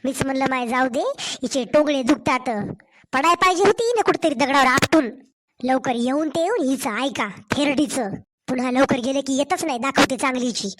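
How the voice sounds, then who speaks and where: A woman voicing a sharp-tongued elderly mother-in-law in a cartoon story, taunting and scolding in a Marathwada Marathi accent. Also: sits high, normal speed, noisy background, natural voice. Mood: grumbling.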